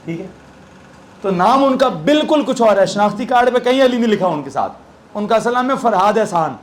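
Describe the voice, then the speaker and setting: A man's voice: high-pitched, animated, a little fast. A man with a Pakistani Urdu accent teaching physics in a classroom, conversational, quizzing his students with playful asides. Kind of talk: classroom lecture.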